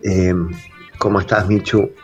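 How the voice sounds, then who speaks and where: A man's voice: low-pitched, level tone, a little slow, muffled recording, soft background music. A man leaving a friendly voice message for a radio show, telling a story. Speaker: radio listener caller. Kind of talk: recorded voice message.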